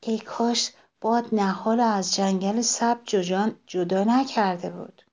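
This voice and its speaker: A woman voicing a patient, hopeful old tree in a children's storybook, speaking gently. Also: mid-range voice, fairly even intonation, lightly acted. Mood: sad.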